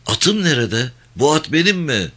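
A man's voice: on the high side, big pitch swings, measured pace, bright, forceful tone, voice pushed up, full character voice. A man voicing a badly wounded young soldier who calls out weakly and strains through confusion. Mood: dazed.

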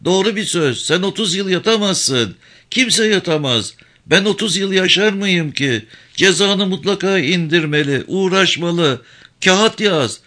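A man's voice: high voice, expressive, a little slow, bright, forceful tone, pitched above the performer's own voice, heavily acted. Man voicing a weepy old village mother. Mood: tearful lament. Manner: plaintive, tearful lament.

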